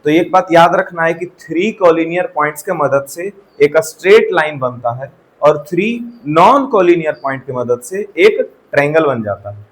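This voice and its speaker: In a classroom maths lesson, a man with a fairly high, animated voice speaks at a measured pace, and the audio is poor. He keeps quizzing his students and checks they follow with a repeated "theek hai."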